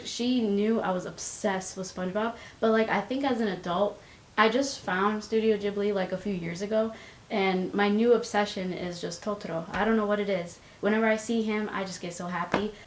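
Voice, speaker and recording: Young woman rambling in her room, giggly, roomy sound w/ faint hiss. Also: medium pitch. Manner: chatty, rambling, giggly asides. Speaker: vlogger. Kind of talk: casual chat. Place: indoors at home, her room. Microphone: compact camera's built-in mic.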